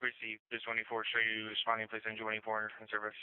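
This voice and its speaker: Male dispatcher, clipped monotone read-backs, narrow tinny police-style radio, smooth delivery. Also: lowish voice, very fast, no room sound. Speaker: fire dispatcher. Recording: tinny radio scanner audio.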